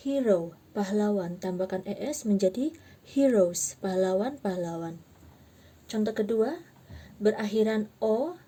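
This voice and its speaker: A woman teaching an English grammar lesson, slowly spelling out letters and repeating each example word. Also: medium pitch, mellow, breathy edge, recorded from a distance. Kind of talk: slow, careful grammar lesson.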